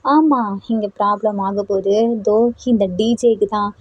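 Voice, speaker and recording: A woman voicing a drunk, brash young man who shouts petulantly at a club DJ, in a storytelling reading. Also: mid-range voice, unhurried, husky, no room sound, dull audio. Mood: drunk, defiant.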